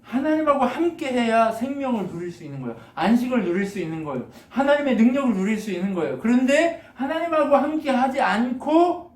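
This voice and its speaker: High-pitched pastor in an echoey church. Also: male voice, a little fast. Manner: animated, acts out God's lines with laughs. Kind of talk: lively conversational sermon. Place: church sanctuary. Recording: echoey room, mic from a distance.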